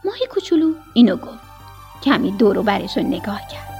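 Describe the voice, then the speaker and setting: A woman's voice: mid-range voice, very animated. A woman narrating a children's story expressively, sometimes sinking to a whisper at tense moments. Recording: soft music behind the voice.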